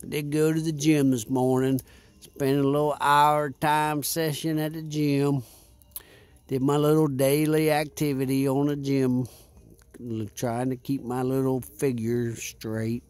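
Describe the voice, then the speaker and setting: Man, vlog host, rambling laid-back beer chat, unhurried. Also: medium pitch, little pitch movement, darkish tone, dry recording. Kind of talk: casual beer-review chat by a fire.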